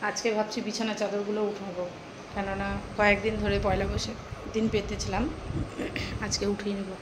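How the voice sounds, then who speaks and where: Brief: middle-aged woman home vlogger, hushed and tired, mid pitch, steady household noise behind. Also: fairly quick. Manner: soft-spoken, rambling, trails off with fillers. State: tired and thirsty from the heat. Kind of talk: casual daily-life vlog chat.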